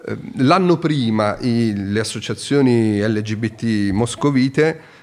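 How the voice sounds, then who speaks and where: A man's voice: medium pitch, unhurried. A middle-aged man, a podcast guest talking earnestly and explaining his views in casual conversation. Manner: earnest, explanatory, animated when telling stories.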